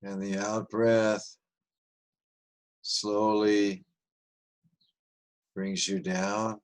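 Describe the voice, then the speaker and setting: A man guiding a meditation, speaking softly and soothingly with long pauses. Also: fairly low pitch, level tone. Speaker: meditation guide. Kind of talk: guided meditation.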